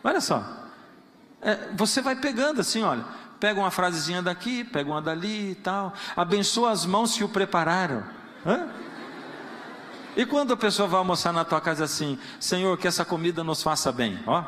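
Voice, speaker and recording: A man's voice: sits high, expressive, normal speed, fairly bright tone, slight background noise. A man, a pastor, preaching a sermon in a church, telling stories playfully and acting out quoted prayers in other voices. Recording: long reverb of a church hall.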